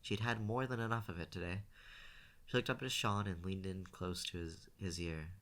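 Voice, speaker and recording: A man reading a novel aloud as an audiobook, in a steady voice with small restarts. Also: low voice, normal speed. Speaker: audiobook reader.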